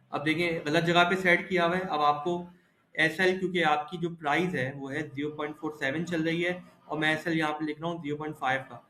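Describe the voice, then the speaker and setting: A man walks a beginner through a trading tutorial in a slightly high voice. He explains patiently and keeps checking in with "theek hai". The recording has a roomy echo. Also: fairly bright tone. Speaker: crypto trading instructor. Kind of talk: screen-recorded tutorial walkthrough.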